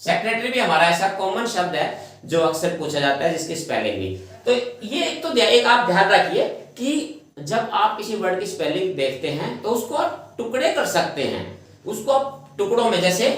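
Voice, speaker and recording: A male teacher runs an exam-prep spelling lesson, his fairly high voice rising and falling a great deal. He spells each word slowly, letter by letter, and says it again and again. The recording rings with heavy room echo. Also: fairly bright tone. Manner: spells words letter by letter, slow and deliberate; repeats each word several times. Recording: very echoey room.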